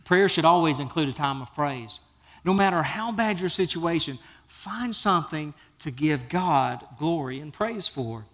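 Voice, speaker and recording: A pastor delivers his sermon in a fairly high, lively voice, spinning Bible stories in casual, down-home phrasing. He acts out the characters' lines as he goes, letting his voice rise and fall. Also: unhurried. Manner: animated storytelling, acts out biblical figures.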